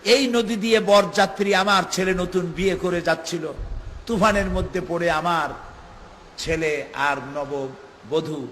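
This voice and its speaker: Preacher lightly voicing an old woman in mourning: quiet and sorrowful, drawn out and unhurried, long reverb. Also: on the high side, voice pushed down. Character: grieving old woman mourning drowned son. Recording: reverberant venue, faint background noise.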